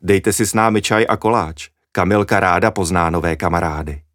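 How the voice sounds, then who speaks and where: A kindly mother gently teases and welcomes visiting children, voiced by a male storyteller. The reader stays near his own low voice. The sound is close and dry. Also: no echo. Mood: welcoming.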